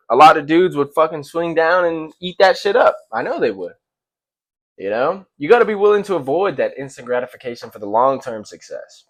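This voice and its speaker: A young man giving a casual motivational monologue, blunt and profane, full of slang and repeated phrases, sometimes stumbling over his words. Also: medium pitch. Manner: slangy, calls listeners bro. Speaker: self-improvement vlogger.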